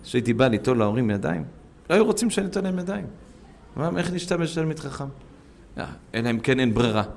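A man preaching a sermon with stories, swinging between loud urging and hushed asides, and calling his listeners friends. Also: medium pitch, animated, vocal fry.

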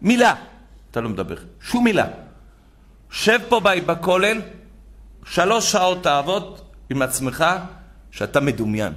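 A man's voice: on the high side, sing-song, pauses often, fairly bright tone. A man quoting a stern old rabbi. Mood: firm, insistent. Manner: insistent, emphatic repetition. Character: stern elderly male rabbi giving firm orders.

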